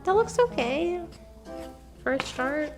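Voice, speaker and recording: A high-pitched young woman jokes her way through a cooking livestream from a home kitchen. She teases and overdramatizes, breaking into laughter often. The room rings with echo, and music plays behind her. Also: lively intonation, takes it slowly. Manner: playful, teasing, dramatic, laughs often. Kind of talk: casual banter on a cooking stream.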